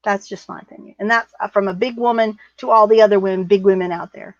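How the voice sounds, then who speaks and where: A woman's voice: medium pitch, steady tone, quick pace, dry recording. Blunt, rambling woman co-host. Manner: blunt, rambling, laughs often. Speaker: livestream co-host reading viewer comments. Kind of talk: casual live chat. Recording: muffled, dry sound.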